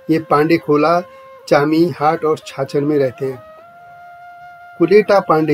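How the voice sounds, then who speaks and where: A male journalist giving a scripted documentary narration, reading out long lists of names and places in a measured way. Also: a little high, darkish tone. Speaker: journalist narrating a channel's history series.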